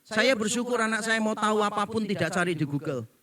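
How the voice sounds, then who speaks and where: A man's voice: sits high, lively intonation, fairly quick, crowd noise. A middle-aged male pastor, preaching a humorous sermon and acting out the people he quotes. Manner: joking storyteller, acts out quoted people.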